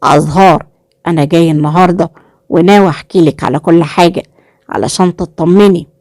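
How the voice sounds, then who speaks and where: A woman voicing a calm, guarded young man who is a chef, with an Egyptian accent and measured speech. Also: high voice, no echo, studio quality. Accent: Egyptian Arabic. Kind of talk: storytelling role voice.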